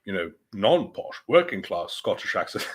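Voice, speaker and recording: A man's voice: fairly low pitch, big pitch swings, moderate pace, slight background noise. A man co-hosting a podcast, talking in a rambling, hesitant way with frequent chuckles. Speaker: podcast co-host. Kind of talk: casual chat.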